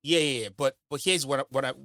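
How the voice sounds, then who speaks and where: Dude on a podcast, bright tense voice, repeats himself for emphasis, dry room. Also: male voice, mid-range voice, steady tone, fast, no echo. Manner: emphatic, repeats phrases to drive a point home. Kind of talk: casual podcast chat. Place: podcast studio.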